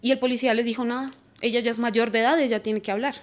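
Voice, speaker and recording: A woman's voice: a little high, racing. A young woman from Colombia, giving a church podcast testimony and acting out the dialogue she recalls. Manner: animated, acts out quoted dialogue. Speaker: guest.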